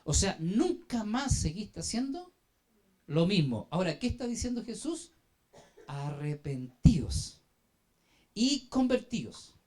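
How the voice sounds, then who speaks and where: Very animated and speaking at a normal speed, a man preaches as an apostle. His dramatic storytelling alternates quiet low lines with loud, emphatic outbursts, and he calls on the congregation directly, urging responses and asking them to turn to one another.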